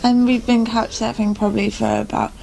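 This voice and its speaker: Mellow-voiced woman from Derbyshire. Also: fairly high pitch, flat delivery, a little fast, vocal fry. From Derbyshire, England. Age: 20s. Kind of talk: documentary interview.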